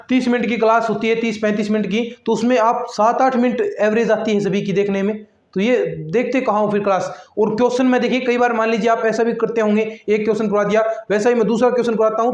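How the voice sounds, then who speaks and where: A man with a high voice teaches maths to his online students, chatting and repeating himself as he explains. His voice carries around an echoey classroom, and the sound is a little dull. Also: a little mellow. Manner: chatty and repetitive, addresses students as friends and lectures them about attendance. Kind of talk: online exam-prep lecture.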